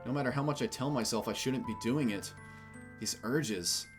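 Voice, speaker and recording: A man reading aloud the lines of a shy, troubled young woman in love, soft and halting. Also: mid-range voice, over music, lightly acted. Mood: hesitant. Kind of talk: reading game dialogue aloud.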